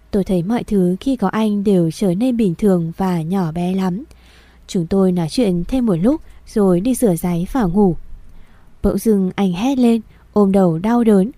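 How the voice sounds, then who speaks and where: Woman narrating a story, warm and steady. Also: mid-range voice, dry recording. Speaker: audiobook narrator. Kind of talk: scripted first-person story narration.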